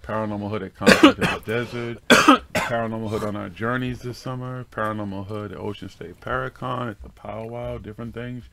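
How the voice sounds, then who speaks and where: A man's voice: fairly low pitch, fairly even intonation, a little fast, vocal fry, fairly bright tone. A man co-hosting a casual livestream, chatting informally with the people watching. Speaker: livestream co-host. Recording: noticeable background noise on livestream.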